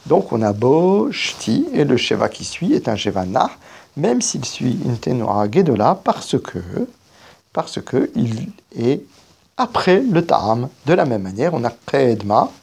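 Lively-voiced man teaching grammar. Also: mid-range voice, unhurried, creaky, slightly rough. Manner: methodical explaining, stops to correct himself. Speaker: teacher of biblical Hebrew grammar. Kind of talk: spoken grammar lesson.

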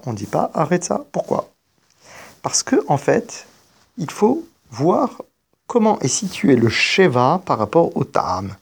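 Speaking in a mid-range, husky voice with vocal fry and a slightly mellow quality, a man teaches biblical Hebrew grammar aloud. He works through each rule step by step and stops now and then to correct himself.

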